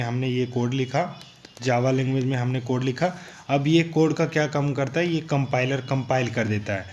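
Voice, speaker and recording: A young man explaining programming basics in a casual tutorial, looping back often with "thik hai" and "guys". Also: medium pitch. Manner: repetitive, loose, filler "thik hai" and "guys".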